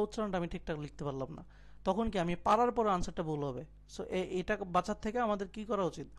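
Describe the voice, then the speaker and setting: A young man teaching an IELTS listening lesson in an online class, explaining step by step, mixing in English terms and checking that his students follow. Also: high voice. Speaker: IELTS tutor. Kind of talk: live online class lecture.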